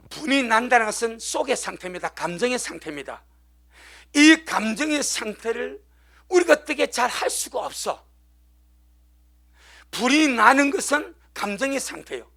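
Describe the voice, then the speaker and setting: A middle-aged male pastor preaching a sermon, pressing his points through repetition and dropping from loud stresses to hushed near-whispers. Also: extremely high pitch, creaky.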